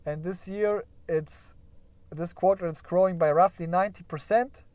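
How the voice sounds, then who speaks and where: A man's voice: sits high, steady tone, moderate pace, a little mellow, no echo. A man giving casual live commentary on company earnings while sharing his screen, thinking aloud and joking along the way. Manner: thinking aloud, chatty, hedging with frequent "yeah?"; playful, jokes about crying over results. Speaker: stock market streamer.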